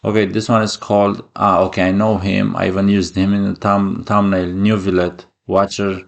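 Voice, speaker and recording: Low-voiced man reacting, swearing. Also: normal speed, creaky. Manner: excitable, swears, many fillers. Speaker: reaction video host. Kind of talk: casual reaction commentary.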